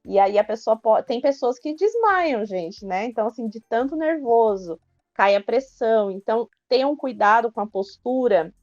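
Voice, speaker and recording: A woman's voice: on the high side, lively intonation, normal speed, a little mellow, dry recording, muffled recording. A woman from Brazil on a podcast, giving practical advice in a chatty, explanatory way. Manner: explanatory, many filler tags. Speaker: guest speaker on public speaking.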